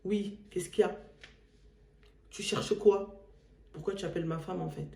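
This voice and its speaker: A man's voice: high-pitched, fairly even intonation, unhurried, creaky, mellow, echoey room. Woman quoting an angry husband on the phone. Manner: threatening, insistent.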